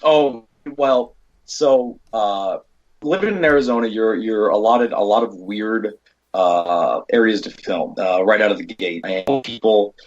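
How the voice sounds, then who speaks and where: An American indie horror filmmaker and stunt performer, appearing as an interview guest, tells rambling, animated anecdotes and casually quotes the people in them. His voice is fairly low and measured, and the recording has its highs cut off.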